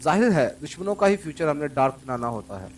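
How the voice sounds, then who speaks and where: A man's voice: fairly high pitch, big pitch swings, fast talker, far from the mic, faint music behind. A man voicing a defiant young woman spy boss. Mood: sulky. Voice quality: pleading, then sulky and sharp. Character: distressed young woman gang leader, defiant. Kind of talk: audiobook character reading.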